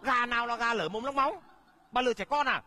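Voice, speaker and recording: An actor playing a grumbling, bossy rural husband in a stage comedy sketch, nagging with sharp questions. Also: male voice, very high-pitched, a little fast, exaggerated voice.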